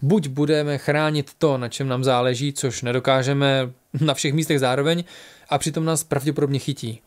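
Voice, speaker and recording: A man's voice: medium pitch, steady tone. A man narrating a fantasy fairy-tale audiobook, reading the heroes' dialogue and then addressing listeners directly.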